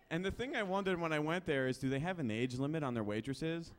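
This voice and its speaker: A young male comedian telling quick, self-mocking stories on a club stage. His voice bounces up and down with lively inflection. He talks into a handheld mic. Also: fairly high pitch. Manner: quick, chatty, self-deprecating, jumping into voices. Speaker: stand-up comedian. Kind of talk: stand-up comedy set.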